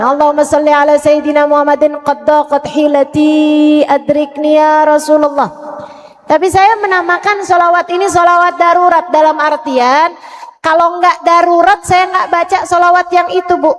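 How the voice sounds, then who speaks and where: Woman preacher, lecture to a women's gathering, high and slow, echoing hall. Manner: models prayers aloud, asks the audience questions. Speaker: Islamic preacher.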